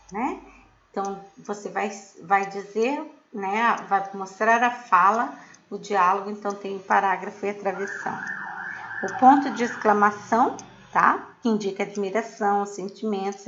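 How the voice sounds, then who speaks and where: A middle-aged woman teaches a class, patient and explanatory, checking in with her pupils again and again. Her voice sits at a middle pitch. The recording is a little dull and lo-fi. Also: a bit bright. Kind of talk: recorded remote class lesson.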